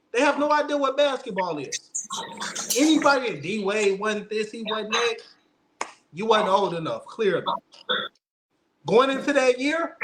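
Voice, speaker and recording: High-voiced man, emphatic sports talk, noisy recording. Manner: emphatic, insistent, repeats phrases for stress. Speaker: host of a basketball debate show. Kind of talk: opinionated casual sports talk.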